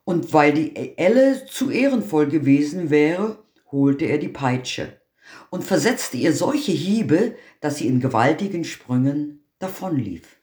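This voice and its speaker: A man reading a fairy tale aloud in an unhurried, measured way, his voice sitting a little high. The recording has a roomy echo. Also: big pitch swings, darkish tone. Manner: slow, measured storytelling. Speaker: narrator.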